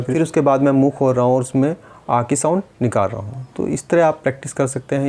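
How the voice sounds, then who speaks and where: A man's voice: medium pitch, mellow. A man teaching a speech-therapy lesson, patiently demonstrating and repeating sounds step by step.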